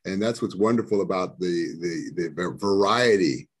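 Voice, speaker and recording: A man, a podcast guest, talking reflectively with some halting restarts. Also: deep voice. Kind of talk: podcast interview.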